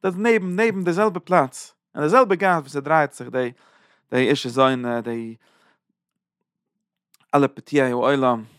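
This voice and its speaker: A man's voice: mid-range voice, a little slow, pauses often, a bit bright, clear, resonant tone, no echo, studio quality. A man giving a Torah sermon, chanting verses in a sing-song and repeating phrases for emphasis. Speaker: preacher giving a Torah talk.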